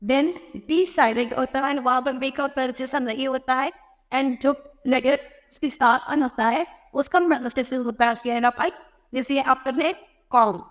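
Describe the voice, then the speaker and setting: A woman with an Indian accent teaching a grammar lesson, explaining slowly and repeating each point. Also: high voice, big-room sound. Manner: explains slowly, repeats phrases, mixes in English words. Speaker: English teacher. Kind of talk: classroom-style grammar lesson.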